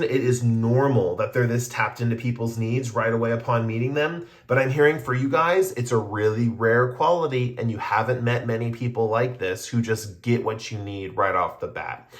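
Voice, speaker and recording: A man doing a casual pick-a-card tarot reading, explaining his cards to viewers in a meandering, conversational way. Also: mid-range voice. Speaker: tarot reader.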